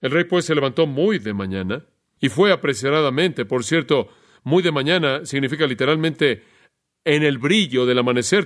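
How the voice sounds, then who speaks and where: A man preaching an expository Bible sermon in a lively way, putting rhetorical questions to his listeners. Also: fairly high pitch. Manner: animated, asks rhetorical questions.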